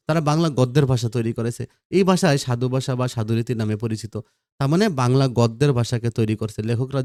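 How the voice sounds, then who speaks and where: Recorded without echo in a clean studio, this man's medium-pitched voice sounds a little mellow. He teaches school grammar on video, restating the main points and answering the very questions he puts to his class.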